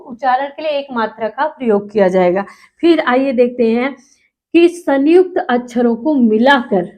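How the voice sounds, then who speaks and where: A woman teacher giving a lecture, asking the class questions and answering them herself, and stretching out key words for emphasis. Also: high-pitched. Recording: muffled lo-fi recording.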